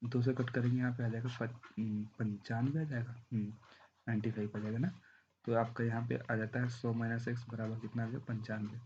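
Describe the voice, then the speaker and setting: A man's voice: mid-range voice, little pitch movement, brisk, darkish tone, lo-fi sound, a little hiss or hum. A man teaching a math lesson with a sore throat, walking through the arithmetic step by step and checking in often. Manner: walks through arithmetic step by step, often saying "thik hai".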